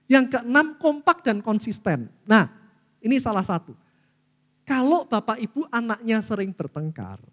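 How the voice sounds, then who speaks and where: A middle-aged pastor preaching a sermon with an Indonesian accent, calling out to the congregation as he teaches. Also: fairly high pitch. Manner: lively preaching, often addresses listeners as saudaraku. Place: church hall. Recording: long reverb of a church hall.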